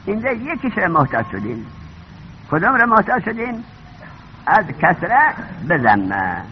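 A man's voice: high voice, wildly swooping pitch. A man teaching a class, who keeps questioning the students and repeating the key points. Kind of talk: classroom lecture on grammar. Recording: dull lo-fi recording with faint noise.

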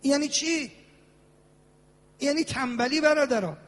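A man preaching a sermon as a cleric, animated, with drawn-out invocations and sing-song passages. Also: very high voice. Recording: long hall reverb.

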